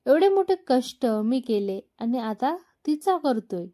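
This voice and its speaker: A woman's voice: fairly high pitch, sing-song, a little slow, warm tone. A woman voicing a middle-aged mother in a read-aloud story, teasing and scolding her son.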